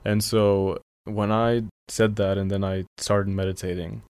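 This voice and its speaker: A young podcast guest from Syria, Armenian by first language but American in accent, gives thoughtful answers in a relaxed studio chat, pausing to find his words. His clear, resonant voice sits on the low side with a darkish tone, little pitch movement and a slightly slow pace, and there's no room sound.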